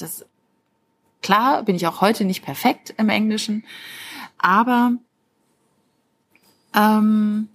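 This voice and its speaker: This woman, a native German speaker, talks like a life coach in a mid-pitched, creaky voice. Her informal monologue speaks directly to the listener, encouraging and aiming to motivate.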